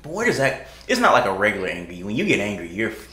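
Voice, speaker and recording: A man interviewing someone casually, gently probing with his questions. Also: on the low side, wildly swooping pitch, racing. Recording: roomy echo, faint noise.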